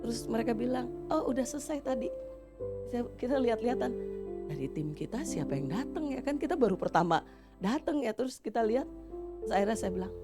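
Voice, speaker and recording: A woman's voice: a little high, sing-song, a little fast. A woman pastor, telling a story in a sermon and acting out the dialogue. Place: church. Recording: church sermon with music behind.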